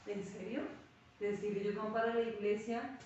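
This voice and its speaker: The woman pastor, mid-range voice at a moderate pace, teaches Bible lessons like a sermon, animatedly playing out quoted speech in her anecdotes. Captured from a distance in a very echoey room, the audio sounds dull and carries a little hiss or hum.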